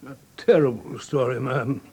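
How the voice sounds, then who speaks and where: An actor playing a sympathetic, bluff English gentleman doctor in a classic radio drama, with a Received Pronunciation accent. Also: medium pitch, moderate pace, breathy edge, lightly acted.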